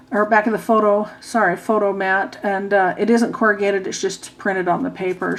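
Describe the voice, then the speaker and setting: A hoarse woman giving a casual craft walkthrough as an instructor, speaking stiffly with a sore jaw and a dry mouth. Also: mid-range voice, poor audio. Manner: stiff-jawed speech, as with a sore, wired jaw. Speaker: craft class instructor presenting a tutorial.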